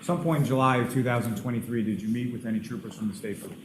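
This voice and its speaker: Halting male lawyer in echoey courtroom. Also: medium pitch. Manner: halting, wordy, formal. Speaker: prosecuting lawyer. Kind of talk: courtroom questioning. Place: large indoor courtroom. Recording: echoey, noisy courtroom feed.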